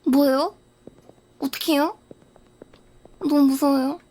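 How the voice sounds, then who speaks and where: A woman's voice: high-pitched, fairly even intonation, slow, darkish tone. A woman reacting live as she plays a horror game, panicky and exclamatory, repeating short outbursts and curses. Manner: panicky, exclamatory, prone to shrieks and nervous laughter. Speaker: streamer playing a horror game.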